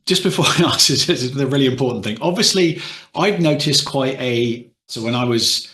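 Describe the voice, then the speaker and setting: A man's voice: medium pitch, animated, a little fast, fairly bright tone, echoey room. A man hosting an interview, asking casual questions in a hesitant, rambling way with many restarts. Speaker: podcast host.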